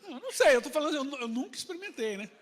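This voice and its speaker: A male pastor with a Brazilian accent, preaching a sermon in a colloquial, animated storytelling way. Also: very high voice, racing, long reverb tail. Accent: Brazilian Portuguese.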